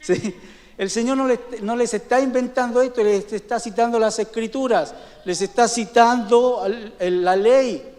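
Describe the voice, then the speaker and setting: A man preaching a sermon in a high voice. He talks in a conversational way, regularly asking his listeners to confirm they are following. The recording carries the long reverb of a church hall. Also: a little mellow. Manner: conversational preaching with frequent "¿sí?" and "¿no es cierto?" checks. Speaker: pastor.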